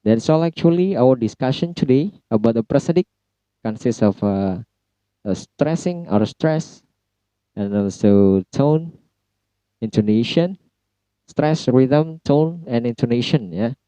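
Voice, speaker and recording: A man with an Indonesian accent giving a recorded phonology lecture, pausing to say example sentences slowly and clearly. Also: mid-range voice, lively intonation, warm tone, dry recording. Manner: mixes explanation with slow drawn-out example sentences.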